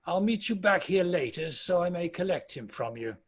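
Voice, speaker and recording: At a dramatic table read, a man whose voice is high for a man gives an old British miser an expressive, theatrical, pleading performance at normal speed. The character is anguished and repentant, yet the mood comes across as joyful.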